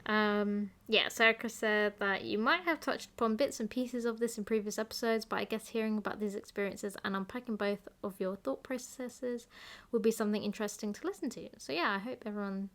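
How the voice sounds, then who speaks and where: A woman's voice: medium pitch, fairly quick, fairly bright tone. A young woman co-hosting a podcast, easygoing and a little apologetic in casual chat. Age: young adult. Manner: apologetic, easygoing, reads listener email aloud. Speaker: podcast co-host.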